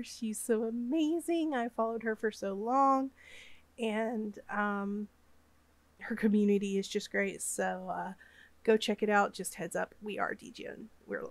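A sick, sniffly woman with a Southern US accent chats casually about her game build, rambling and chatty with lots of ums, uhs and other fillers. Her voice is medium in pitch, and the recording is dry.

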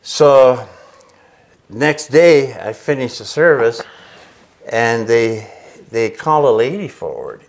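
With a mid-range voice, lively intonation and some vocal fry, an older missionary who grew up in Chile takes it slowly as he tells his story. He laughs and acts out his own reactions in this casual interview. He wears a lapel mic in an indoor workshop with a pegboard wall.

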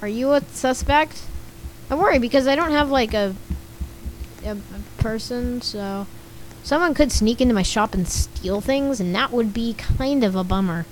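A young woman who makes gaming videos talks at a moderate pace in a slightly high, slightly scratchy voice. Her commentary over the gameplay is casual, chatty, and giggly, and she reads out and reacts to the game chat.

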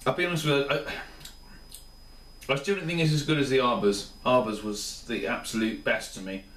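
At a moderate pace, a tired man in his thirties reviews beer in his small home kitchen, rambling casually and enthusiastically in a medium-pitched, fairly even, slightly bright voice. His camera mic sits a few steps away, so the recording is roomy and far-off with slight background noise.

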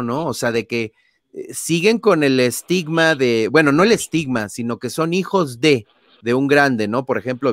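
A man's voice: medium pitch, clear, resonant tone, dry recording, studio quality. A man with a Mexican accent, an interview guest telling anecdotes casually and acting out scenes with sound effects, often adding tag questions. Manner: frequent tag questions and fillers. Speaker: guest, son of a famous singer.

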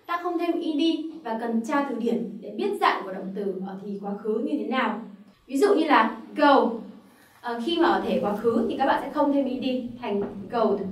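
Woman, Vietnamese accent, higher voice, patient grammar teacher; roomy, slightly distant mic. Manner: patient, step-by-step explaining with repeated examples. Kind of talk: classroom-style grammar lesson.

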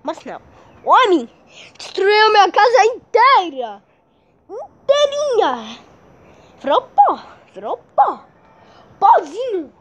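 A woman's voice: very high-pitched, wildly swooping pitch, slow, long pauses, fairly bright tone, lo-fi sound. A woman with a Brazilian accent vlogging casually at home, dramatic and exclaiming, repeating words for effect. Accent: Brazilian Portuguese. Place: at home, moving between rooms and garage.

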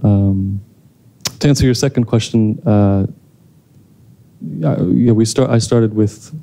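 A man's voice: lowish voice, takes it slowly, gravelly, warm tone. A man in his thirties answering audience questions after a screening, speaking into a handheld mic on a theater stage, thoughtful and hesitant with many restarts. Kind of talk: post-screening Q&A.

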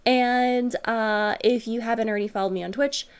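This reaction host is a young adult woman at home in a small furnished room, chatting to her viewers in a relaxed, wandering manner. Her slightly high voice is clean and steady, at a normal speed.

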